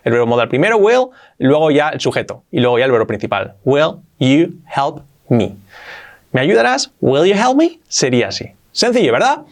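A man's voice: a little high, very animated, fast talker, hardly any pauses. A man with a Spain Spanish accent teaching English as a video lesson, emphatic and repeating example sentences.

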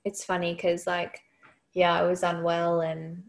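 A woman's voice: fairly low pitch, completely flat delivery, a little slow, gravelly. A young woman chatting in a laid-back, casual way. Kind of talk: casual chat.

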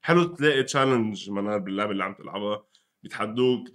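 A young man with a Lebanese Levantine accent talks gaming in a casual, conversational way. His voice sits a little low and he speaks very quickly, dropping English gamer terms into his Arabic. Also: fairly bright tone. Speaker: gaming commentator and guest.

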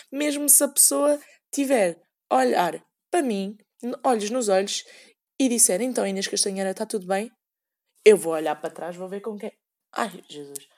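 A woman's voice: medium pitch, darkish tone. Chatty young Portuguese woman rambling. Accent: European Portuguese. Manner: chatty, rambling, sarcastic, acts out quoted voices. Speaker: podcast host. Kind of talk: casual solo podcast rant.

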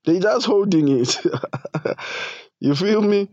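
Pastor man, casual halting sermon. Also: high-pitched, expressive, darkish tone, dry recording, lo-fi sound. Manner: halting, many fillers like "you know" and "you see"; casual preaching with slang.

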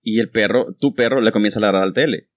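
A young man, co-hosting a casual chat and telling animated stories full of crude slang. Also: on the low side, fast talker, dry recording, muffled recording.

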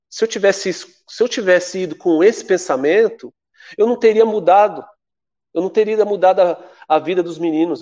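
A Brazilian man in his forties tells a story as a guest, with a voice pitched a little high for a man. He talks casually and leaps higher when he quotes others. The recording sounds slightly muffled and lo-fi. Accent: Brazilian Portuguese. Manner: lively, acts out quoted voices with big pitch jumps. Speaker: podcast guest, former athlete.

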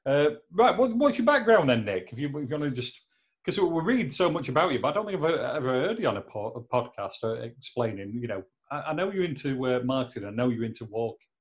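A man's voice: mid-range voice, sing-song, quick pace. A man hosting a podcast from his home office, chatting casually and joking as he rambles with many fillers. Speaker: podcast host. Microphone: laptop.

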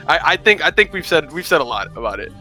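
A man in his twenties chatting casually as a podcast host, animated and full of "like". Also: fairly high pitch, fast, over music. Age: 20s. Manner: animated, lots of "like". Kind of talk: casual chat.

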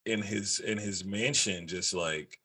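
A man co-hosting a podcast in casual, blunt and profane chat, quick to argue a point. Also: sits low, pushed and bright, husky.

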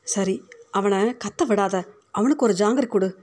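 A harried young mother who snaps through gritted teeth, read by a woman. She speaks at a middle pitch in short, irritable lines. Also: normal speed, a little mellow, close to an everyday voice. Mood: irritated.

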